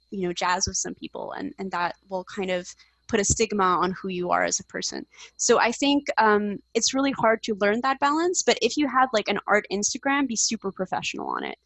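A woman speaks in a relaxed podcast interview. She is chatty and upbeat and leans on fillers like "like" and "um". Her voice sits at an ordinary pitch, and the recording is dry and close with no room sound. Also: brisk, no room sound, low-quality recording. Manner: chatty, upbeat, many fillers like "like" and "um", laughs often. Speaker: interview guest, 2D animator.

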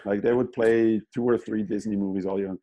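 A man's voice: on the low side, fairly even intonation, fairly quick, mellow, muffled recording. A man from German-speaking Switzerland, an animator guest in a casual interview, who talks in a rambling way with many restarts and fillers.

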